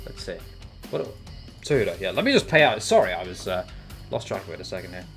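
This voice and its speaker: A man's voice: sits low, very animated, fast talker, fairly bright tone, soft background music. A young man from England, chatting casually and ramblingly while streaming a fighting game, with frequent restarts and some mild swearing. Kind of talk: casual chat while gaming.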